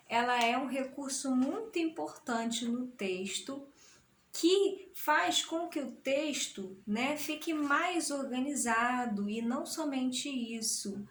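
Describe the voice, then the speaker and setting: High-voiced Brazilian woman teaching slowly. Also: a little hiss or hum. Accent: Brazilian Portuguese. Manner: patient, explanatory, often checks understanding. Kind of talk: recorded classroom lesson. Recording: roomy echo.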